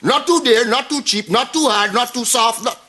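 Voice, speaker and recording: A man's voice: very high-pitched, moderate pace, background noise. A middle-aged man with a Guyanese accent, bossy and fussy, giving instructions in a sitcom. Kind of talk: sitcom acting.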